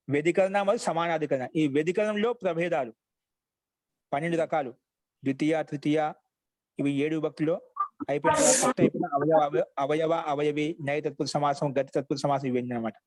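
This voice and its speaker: A man teaching a grammar lesson in an online class. His voice sits a little high. He says the example phrases slowly and repeats them, and the recording is close and dry with no room sound. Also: darkish tone, dry recording, poor audio.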